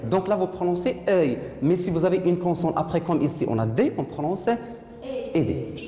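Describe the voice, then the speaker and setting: Woman teacher in a classroom, low voice that moves around a lot, echoey noisy room. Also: lively intonation, normal speed, mellow. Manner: patient, repeats pupils' answers. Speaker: French teacher. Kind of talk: classroom lesson.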